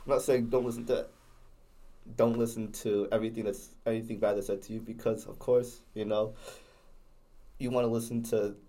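A man's voice: on the low side, flat delivery, moderate pace, long pauses, mellow. Young man with a slight lisp. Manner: rambling, many restarts and fillers. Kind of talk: casual chat.

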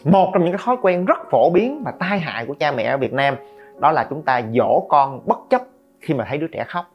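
A middle-aged man hosts a podcast about parenting and makes lively, joking asides to listeners. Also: fairly high pitch, fairly quick. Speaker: podcast host. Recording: slightly dull, faint guitar music.

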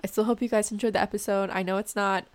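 A woman's voice: medium pitch, fairly even intonation, fast. A woman podcast host recording a casual, apologetic editing note, her voice muffled and hollow like she is talking into a trash can. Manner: apologetic, self-mocking. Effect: muffled hollow sound, like talking into a trash can.

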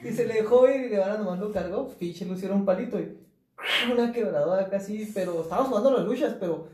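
A man's voice: sits high, quick pace, dark tone. A man with a Mexican accent hosting a casual podcast, teasing and laughing his way through stories. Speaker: podcast host. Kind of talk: casual chat. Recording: echoey room, voice from a distance off the mic.

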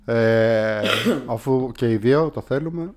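Man, podcast co-host, casual chat, talkative, explains things. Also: medium pitch. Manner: chatty, explains at length with restarts.

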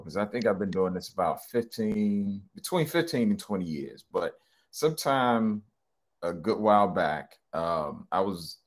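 A middle-aged man, a hypnotherapist being interviewed, talking casually and rambling with lots of ums and restarts. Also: low-pitched. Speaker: hypnotherapist guest.

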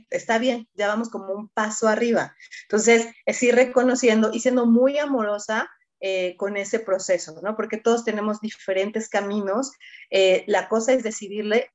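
A woman, a podcast guest explaining calmly, often adding "¿no?" and acting out little dialogues. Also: a little high, muffled recording. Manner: warm explaining with many "¿no?" tags and acted-out dialogues. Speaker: guest healer. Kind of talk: casual podcast conversation.

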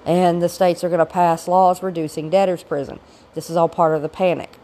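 A woman with a gravelly voice, getting over a cold, giving an informal recorded history lecture as a teacher with explanatory asides. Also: on the low side, level tone, fairly quick, warm tone.

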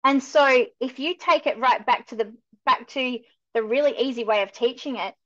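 A woman's voice: high-pitched, a bit bright, lo-fi sound. A woman dog trainer joining as a guest, chatting casually and agreeing eagerly. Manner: eager and affirming, quick agreements. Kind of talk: casual conversational chat.

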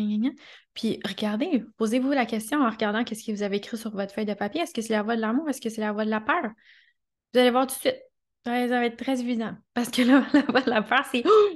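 Earnest Québécois woman, slightly high voice. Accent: Québécois French. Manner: earnest, emphatic, repeats phrases, checks in with listeners; laughs often while talking. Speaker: podcast host and coach. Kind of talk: motivational podcast monologue.

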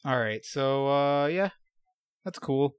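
A man's voice: mid-range voice, animated, slow, clean tone, no room sound, studio quality. A man co-hosting a casual podcast, reading old news items and cracking jokes with some swearing. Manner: jokey, swears, reads news items aloud. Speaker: podcast co-host.

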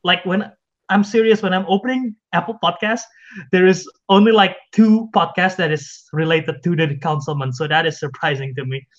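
A chatty young man hosts a casual podcast with a high, light voice. The sound is dull and lo-fi, like a call recording. He laughs easily between points. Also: steady tone, normal speed. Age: young adult. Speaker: podcast host. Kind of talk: casual chat.

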